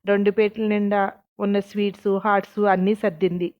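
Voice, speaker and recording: A woman narrating a story as a storyteller, reading in a steady, even way. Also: medium pitch, fairly quick, dry recording, muffled recording. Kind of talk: scripted narration.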